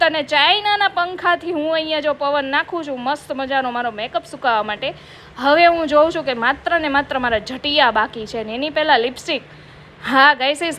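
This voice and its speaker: A woman's voice: sits high, sharp tone, a little hiss or hum. A woman doing a comic makeup vlog from her office, chatty and self-mocking, calling out to viewers. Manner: playful self-mocking, addresses viewers as guys. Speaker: comedy vlogger.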